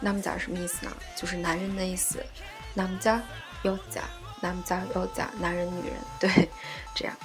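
A woman teaching a language lesson, explaining word by word and repeating each example slowly and patiently. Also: fairly low pitch, level tone, music in the background.

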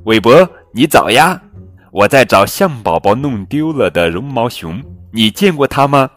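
A man's voice: mid-range voice, very animated, measured pace, a bit bright, soft background music, voice pushed up. A man voicing a kind, curious patchwork elephant with eager, raised calls.

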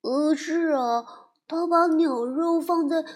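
A woman's voice: sits high, slow pace, pitched above the performer's own voice. A woman voicing a fretful little male piglet in a storybook reading, who hesitates and stammers. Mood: hesitant. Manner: hesitant, full of "uh"s.

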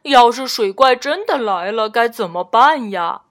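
A woman voicing a timid, easily frightened male doctor in a children's storybook reading, fretful and quick to panic. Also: mid-range voice, expressive, fairly bright tone, voice pushed down. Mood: worried.

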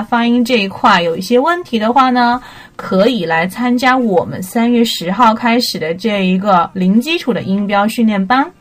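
A young woman hosting a casual pronunciation lesson, mixing Mandarin with English words and spelling them out letter by letter. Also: on the high side. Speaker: English pronunciation teacher, podcast host.

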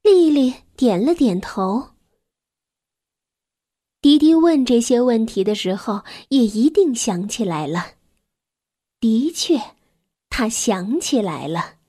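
A woman narrating a bedtime story for children in a gentle, soft way, sometimes dropping to a whisper. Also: on the high side, sing-song, takes it slowly, long pauses.

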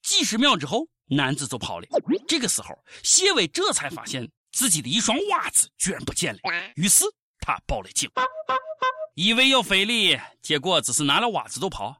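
陕西口音女主持，语调起伏很大. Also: female voice, lowish voice, huge pitch swings, normal speed, pushed and bright, husky, no echo, studio quality. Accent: Shaanxi. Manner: cheeky, theatrical, exclamatory. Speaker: radio host. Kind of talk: comic scripted commentary in dialect.

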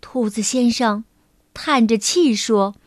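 A woman teacher narrating a children's picture book in a gentle, measured storytelling manner. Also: fairly high pitch, no echo, clean studio sound.

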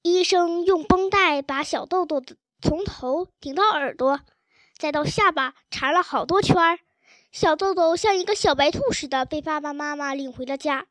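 A woman narrating a children's storybook chapter with a gentle, expressive reading. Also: high voice, normal speed, dry recording. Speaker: audiobook narrator.

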